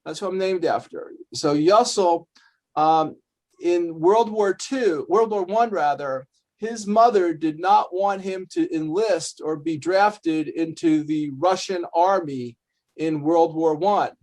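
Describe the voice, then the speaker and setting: Higher-pitched man, informal and reflective. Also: takes it slowly, a little mellow. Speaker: speaker answering questions. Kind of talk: informal recounting of family history on a video call.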